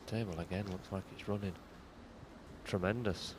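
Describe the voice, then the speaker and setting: Man, lowish voice, hushed snooker commentary, conversational, understated, faint venue noise behind. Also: fairly even intonation, moderate pace.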